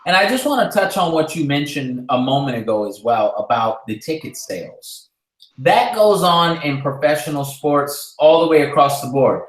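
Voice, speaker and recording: A man co-hosting a live boxing talk show, breaking down fights in a measured, analytical way with frequent fillers. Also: on the high side, lively intonation. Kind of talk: casual live-stream discussion. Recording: echoey room.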